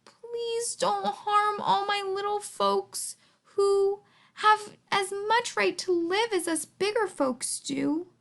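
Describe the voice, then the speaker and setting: A woman's voice: very high-pitched, lively intonation, slow pace, creaky, fairly bright tone, full character voice. A woman voicing a big, kind, loyal elephant in a storybook, speaking earnestly and emphatically, with pleading.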